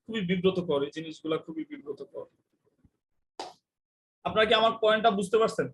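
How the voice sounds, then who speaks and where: Fast-talking man teaching English. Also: high voice. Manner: joking, scolding, mixes in English phrases. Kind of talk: live online class.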